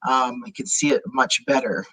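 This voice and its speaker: A non-native English-speaking man, a sound healer, talking in a halting way with many restarts while he searches for words. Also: mid-range voice, fairly even intonation, bright, forceful tone, low-quality recording. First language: not English. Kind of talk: casual interview chat.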